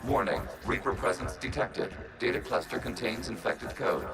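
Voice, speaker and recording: A man voicing a calm, emotionless synthetic machine intelligence in a video game, making flat, measured, computer-like announcements. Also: low voice. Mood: calm, detached. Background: loud game music.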